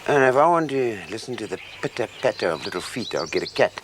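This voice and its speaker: An actor playing a cynical, wry bachelor, speaking laconically in a screen comedy. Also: male voice, on the low side, very animated, fast talker, noisy background. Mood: dry. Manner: laconic, dry. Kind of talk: naturalistic screen comedy acting. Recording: loud music over dialogue.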